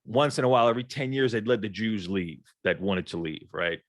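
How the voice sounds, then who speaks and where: A man's voice: fairly low pitch, animated, brisk, no room sound. A middle-aged man from Ukraine moderating a casual panel chat, joking and stumbling over repeated words.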